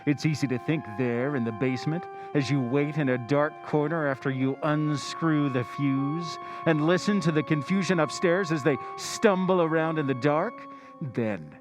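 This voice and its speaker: An actor playing the Whistler, a knowing radio-drama narrator who speaks straight to the listener's character in a slow, insinuating way. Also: male voice, a little high, over music, natural voice. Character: male Whistler narrator, ominous, knowing, taunting.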